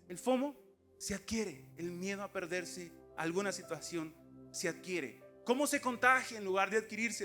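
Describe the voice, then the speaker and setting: A man preaches a sermon in a church, his voice sitting notably high for a man. He talks in an emphatic, conversational way, firing rhetorical questions and turning aside to address the congregation. Soft music plays faintly behind him. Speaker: lay preacher. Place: church sanctuary.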